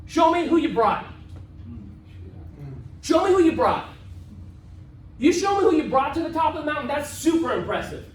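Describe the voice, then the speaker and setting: A man giving an energetic, emphatic motivational seminar talk to a live audience. He repeats phrases and tags his lines with "right?". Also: very high voice, normal speed, long pauses. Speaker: motivational event speaker. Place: event room with a live audience. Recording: echoey room, far from mic, faint noise.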